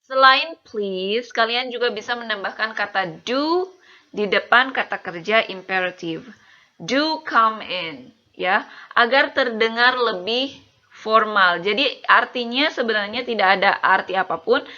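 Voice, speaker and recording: A bright, clear-toned woman explains grammar in a patient teaching voice. She slows right down on each example sentence and keeps checking that her listeners follow. The recording is slightly muffled and lo-fi. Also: on the high side. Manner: slow, deliberate example sentences. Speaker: English teacher. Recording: muffled lo-fi voice-over.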